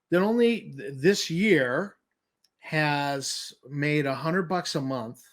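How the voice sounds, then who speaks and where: This male commentator host reads through a document in an informal style, stressing and repeating the key points. His moderately high voice is a bit bright, and he sounds skeptical and incredulous.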